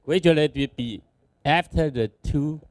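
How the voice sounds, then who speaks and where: A man from Taiwan with a Taiwanese accent, speaking non-native English haltingly as he gives a conference presentation. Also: on the high side, dry recording. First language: not English. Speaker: conference speaker, company executive.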